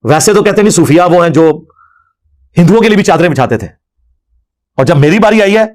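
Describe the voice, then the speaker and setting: A man's voice: high voice, expressive, darkish tone. A man, a religious speaker giving a sarcastic, pointed rebuttal lecture.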